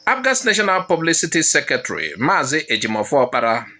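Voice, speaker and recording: A man reading out news commentary in a fairly high, lively voice that climbs and dips through each sentence. His tone is bright and forward, and he leans on rhetorical questions to build drama. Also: fast talker.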